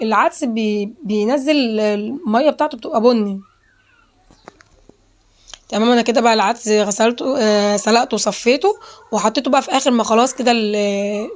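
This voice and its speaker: Egyptian woman, home cooking host, rapid chatty delivery, slightly high voice. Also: darkish tone. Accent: Egyptian Arabic. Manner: chatty, repeats herself, addresses viewers directly. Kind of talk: casual cooking tutorial.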